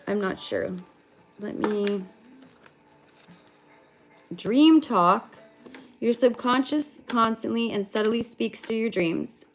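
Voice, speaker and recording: A woman's voice: a little high, takes it slowly, pauses often, faint music behind. A woman giving a livestreamed spiritual card reading in a rambling, casual way, swearing freely. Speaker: spiritual reader.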